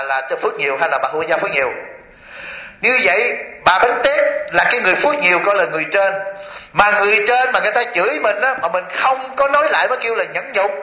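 A Buddhist monk preaches to a gathered lay audience in a temple hall. His voice sits fairly high and sounds bright and forceful, and the hall adds a roomy echo. He chuckles as he tells his stories and keeps turning to his listeners with questions. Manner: lively, keeps quizzing the audience with rhetorical questions; chuckles often while storytelling. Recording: echoey hall.

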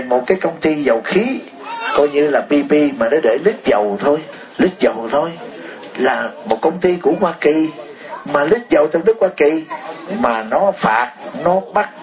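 A man giving an impassioned political talk, firing rhetorical questions at his listeners and chuckling often. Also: medium pitch. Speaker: speaker addressing an audience.

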